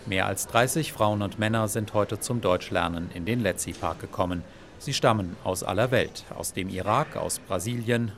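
Male reporter for voice-over, lowish register, even measured read. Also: slight background noise. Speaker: news reporter. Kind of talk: scripted news narration.

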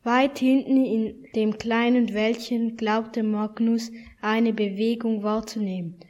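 A woman narrates a children's storybook slowly and gently. Her voice sits fairly high, and she gives each scene an expressive, unhurried telling.

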